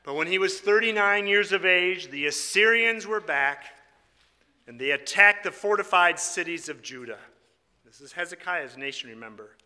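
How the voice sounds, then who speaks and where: Before a congregation in a large, echoing hall, a folksy male preacher teases and jokes with his listeners. His voice is high and sharp with a slight rasp, carried through a stand microphone or PA, and the long reverb fills the recording. The informal sermon includes congregational singing.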